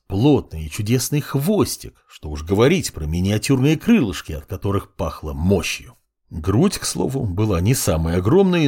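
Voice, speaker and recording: A man narrating a first-person fantasy audiobook in an ironic, expressive way. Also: lowish voice, slightly rough.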